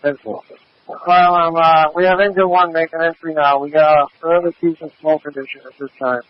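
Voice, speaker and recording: A man's voice: fairly high pitch, level tone, a little fast. A man working as a fire incident commander, giving terse, urgent firefighter orders over a two-way radio. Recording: muffled two-way radio transmission.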